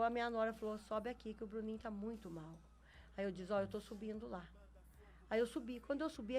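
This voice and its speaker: A middle-aged Brazilian woman giving a faith testimony as an interview guest. She tells her story earnestly and acts out what each person said. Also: a little high. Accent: Brazilian Portuguese. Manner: earnest storyteller who acts out quoted dialogue.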